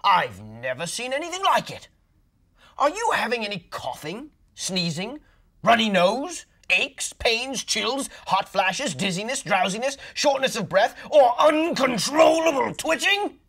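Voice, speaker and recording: A man voicing a fussy, pompous doctor in a storybook reading, loud and brisk. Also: very high voice, very animated, pitched above the performer's own voice, full character voice. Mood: astonished. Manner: rattling off lists loudly and briskly. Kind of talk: storybook read-aloud voice.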